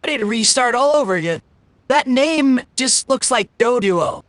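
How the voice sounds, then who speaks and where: In casual livestream commentary over game music, a streamer grumbles bluntly and with exasperation. The voice is mid-range, animated, fairly bright, moderately paced, echo-free, and possibly run through a voice changer.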